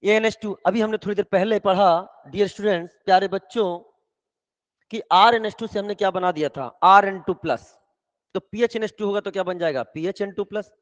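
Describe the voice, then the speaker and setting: High-voiced male chemistry teacher. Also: normal speed. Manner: lively, keeps checking that students follow. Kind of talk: classroom lecture with storytelling. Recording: echoey hall, dull lo-fi sound.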